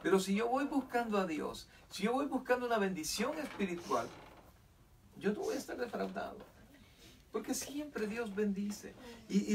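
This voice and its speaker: A man's voice: a little high, vocal fry. A man preaching a sermon as pastor of a church, fervent with emphatic rises. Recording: distant mic with faint noise.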